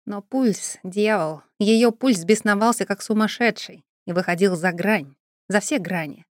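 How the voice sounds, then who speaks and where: A woman narrating an audiobook in an even, first-person storytelling manner. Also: mid-range voice, measured pace, no room sound, clean studio sound.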